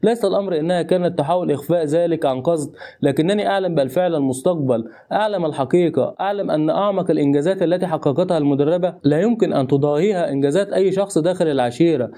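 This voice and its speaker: A narrator voicing a resolute young heir. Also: male voice, a little high, racing, warm tone, close to an everyday voice. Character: determined young male heir, reborn. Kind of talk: recap narration voicing a character.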